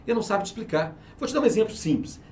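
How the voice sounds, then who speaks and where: Talking very fast and animatedly in a high, somewhat mellow voice, the research and market manager explains his approach to teaching during an interview. He is persuasive and forceful, repeatedly asking and answering his own questions.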